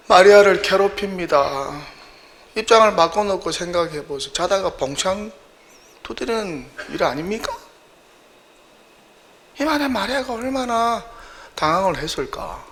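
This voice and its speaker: A man's voice: high voice, gravelly, a bit bright. A male pastor preaching a sermon in a church, emphatic and full of rhetorical questions.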